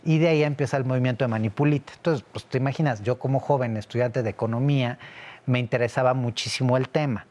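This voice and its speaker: A middle-aged man speaks as a guest in a conversational interview, explaining things patiently at length. He often pauses on fillers and restarts his sentences. His voice sits at an ordinary pitch. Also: steady tone, a little mellow. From Italy. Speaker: interview guest, security analyst.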